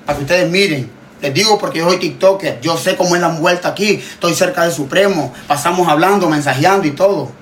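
A Honduran man with a high voice rants in a casual, heated way, hammering his points through repetition and swearing without restraint. He sounds like a social media creator talking straight to his followers, with a faint hum of noise behind him. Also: brisk, few pauses, fairly bright tone. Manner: emphatic, repetitive, swears freely. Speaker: TikTok creator.

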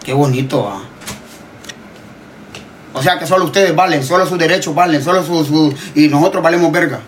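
A man's voice: on the high side, moderate pace, a little hiss or hum. A Honduran man, a TikTok creator, ranting in casual chat, emphatic and repetitive, swearing freely. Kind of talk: heated casual rant.

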